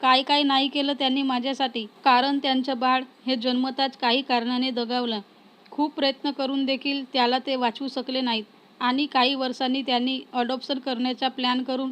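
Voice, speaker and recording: A woman reading the lines of a tender young man in a storybook romance, in a soft, even way. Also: sits high.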